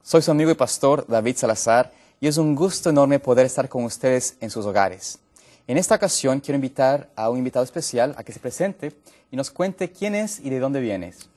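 Pastor guy hosting a health show, mellow voice, trips over words a bit. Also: mid-range voice, expressive, moderate pace. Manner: friendly, stumbles and restarts. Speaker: host and pastor. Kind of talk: hosting a health talk program.

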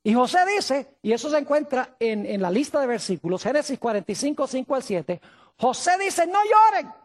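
A preacher giving a sermon, dramatic, with wide swings in pitch and pace, often asking the listeners questions. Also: expressive, a little fast.

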